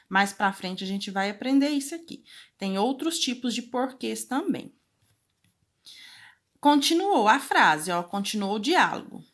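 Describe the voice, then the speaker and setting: Young teacher, female, lively intonation, deliberate dictating delivery. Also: fairly high pitch. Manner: slow, emphatic dictation of punctuation marks. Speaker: Portuguese teacher. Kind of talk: explaining grammar in a video lesson.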